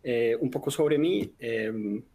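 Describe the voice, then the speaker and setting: A man's voice: mid-range voice, takes it slowly, warm tone. A man from Colombia, giving a technical webinar lecture in an explanatory way, lifting his voice on questions. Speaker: technical presenter.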